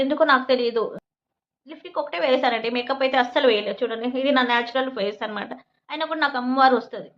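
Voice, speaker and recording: A woman's voice: sits high, muffled recording. A woman vlogger in casual talk to camera, rambling and making earnest, pleading appeals.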